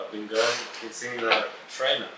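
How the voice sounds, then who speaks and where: A young man in his twenties chatting casually with a friend about his workout, in relaxed bro talk. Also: mid-range voice, moderate pace, distant mic. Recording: echoey, off-mic, faint hiss.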